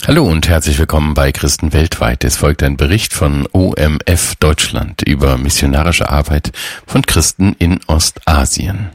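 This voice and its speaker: A man with a remarkably deep, low voice introduces a radio program. His delivery is measured and formal, recorded dry and close. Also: dry recording. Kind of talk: scripted radio announcement.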